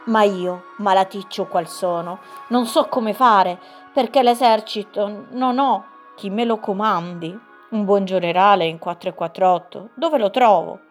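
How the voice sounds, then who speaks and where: A woman voicing a sickly, gloomy old king who talks loudly and grumbles, in a storybook reading. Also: mid-range voice, a little slow, few pauses, soft background music, lightly acted. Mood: worried.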